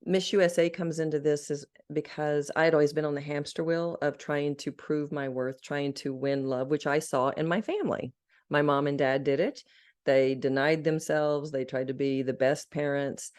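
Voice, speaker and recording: A woman's voice: deep voice, steady tone, normal speed, a little mellow. A middle-aged woman from Arkansas, a podcast guest telling her life story in an earnest, heartfelt and candid way. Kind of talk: personal storytelling in a podcast interview.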